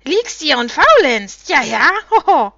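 A woman's voice: very animated, unhurried, sharp tone, no echo, highs cut off, full character voice. Woman doing a shrieking cruel wild harpy. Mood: cruel mocking. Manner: shrill, cackling, threatening. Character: shrieking evil female harpy-like bird spirit, cruel, mocking.

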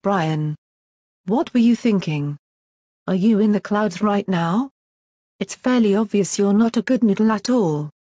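A synthetic female voice playing a stern, scolding schoolteacher in an animated video. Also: medium pitch, a little slow, dry recording, natural voice. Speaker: teacher.

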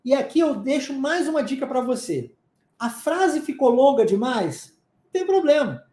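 A man's voice: very high voice, very animated, moderate pace, mellow. A man with a Brazilian Portuguese accent, teaching an English lesson. He explains points emphatically, repeats them, and keeps checking in with short tag questions. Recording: roomy echo.

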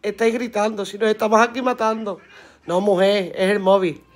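A woman's voice: medium pitch, fairly even intonation, moderate pace. Brief: woman, live-stream seller, chatty and earthy, swears casually, laughs a lot. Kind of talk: casual live-stream chat reading viewer comments aloud.

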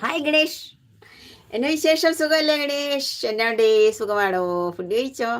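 A woman from Kerala chatting casually on a live stream, greeting viewers by name in an affectionate, lively way. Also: high voice, moderate pace.

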